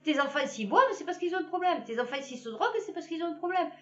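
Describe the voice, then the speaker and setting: A woman's voice: very high-pitched, expressive, quick pace, fairly bright tone, slight background noise. A woman giving a blunt, heated opinion in casual slang, repeating her phrases for emphasis. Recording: muffled, from a distance.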